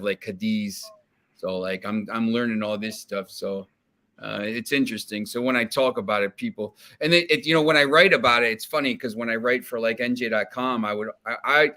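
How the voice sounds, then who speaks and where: Bright and forceful in a mid-range voice, this soccer betting guest from New Jersey, United States, talks bets in a rambling, casual way. He restarts often, repeats himself and uses many filler words.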